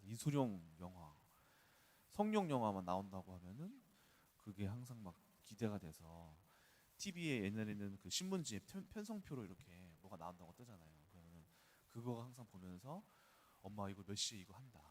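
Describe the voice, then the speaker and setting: Guy pastor, kinda low voice, casual story-heavy early morning sermon in church. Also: sing-song, normal speed, darkish tone. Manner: conversational, storytelling with personal anecdotes. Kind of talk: dawn service sermon.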